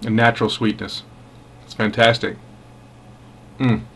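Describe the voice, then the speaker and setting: A man giving a casual product review as a pipe tobacco reviewer, musing in an unhurried, halting way with savoring enthusiasm. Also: medium pitch, little pitch movement, gravelly, fairly bright tone, slight background noise.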